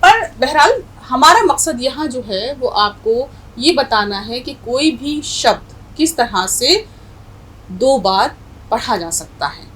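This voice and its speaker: Slow, lively-voiced woman teaching Urdu. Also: high-pitched, breathy edge, poor audio. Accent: Hindustani from North India. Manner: patient, explains slowly with repeated examples. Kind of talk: classroom language lesson.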